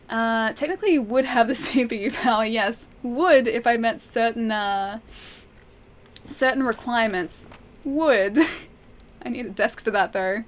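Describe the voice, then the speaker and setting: With a slightly high voice, an Australian woman plays a game on stream and chats casually. She reads messages from her chat aloud, laughs a lot, and thinks aloud, using plenty of filler words.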